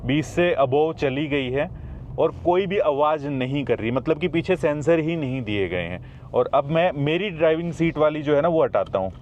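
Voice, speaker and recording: This car review comes from a man with a slightly high, expressive, somewhat mellow voice talking at normal speed. He chats to his viewers as friends while moving around the car and partly driving; the audio is dull with a little hiss or hum.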